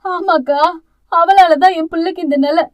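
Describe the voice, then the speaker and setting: A woman's voice: very high-pitched, steady tone, normal speed, pitched above the performer's own voice. A woman voicing a grieving, fearful mother who laments through tears, in an audio novel. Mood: anguished. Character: anguished mother, weeping and fearful.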